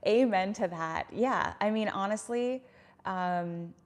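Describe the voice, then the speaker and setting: Speaking slowly in a mid-range voice, a woman in her thirties hosts a casual YouTube livestream. She responds to viewer comments with earnest, rambling talk thick with fillers.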